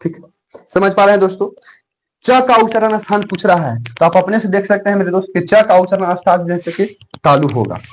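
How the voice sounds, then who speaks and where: A man's voice: high-pitched, brisk, slight background noise. A man teaching Hindi grammar in an exam-prep lesson. He repeats each point, quizzes the viewers, draws out letter sounds in drills and keeps calling them his friends. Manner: repetitive, quizzes viewers, frequent filler phrases and "my friend".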